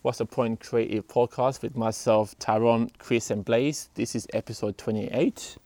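A man's voice: mid-range voice, fairly even intonation, measured pace, darkish tone, no room sound. A man chats as a podcast co-host. His phrasing is slangy and laid-back, and the sound is close and dry. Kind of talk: casual podcast chat.

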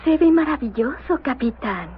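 A woman voicing an elegant, carefree lady mouse in an animated film, genteel and soothing. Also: high-pitched, moderate pace, husky, phone-quality sound, exaggerated voice. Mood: calm, admiring.

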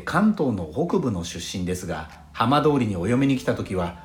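A man from Fukushima hosting a solo audio podcast, talking in a calm, measured way. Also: mid-range voice. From Fukushima, Japan. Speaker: podcast host. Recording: roomy sound with faint background music.

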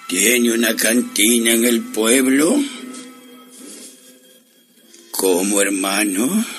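A fraudulent village warlock working as a seance medium in a comic audio tale. His voice is low and bright, with unhurried, repetitive spirit-calling in a Central American accent. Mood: trance-like, puzzled. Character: sham village warlock acting as seance medium, feigning trance. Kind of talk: comic audio storytelling sketch.

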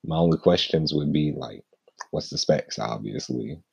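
A man's voice: a bass voice, normal speed, gravelly, breathy edge, no echo, highs cut off. A man hosting a casual gaming podcast, ranting bluntly with profanity and mocking himself. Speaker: podcast host.

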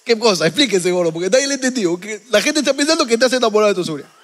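A man's voice: high-pitched, very fast. A Peruvian man co-hosting a comedy podcast, telling crude stories with lots of swearing and playful voice mimicry. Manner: animated storyteller, swears freely, mimics voices. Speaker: podcast co-host. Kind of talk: casual comedic banter.

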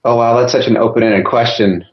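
A man's voice: mid-range voice, fairly even intonation, brisk, muffled recording. A man who grew up in Austria and Germany, talking casually and reflectively as a podcast interview guest. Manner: reflective, loose, with many fillers and restarts. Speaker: podcast guest, travel consumer advocate.

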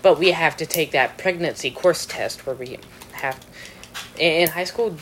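This young man's voice sits on the high side, a bit bright and a little slow, with some hiss or hum in the audio. He rambles casually while gaming, often laughing and leaving thoughts unfinished.

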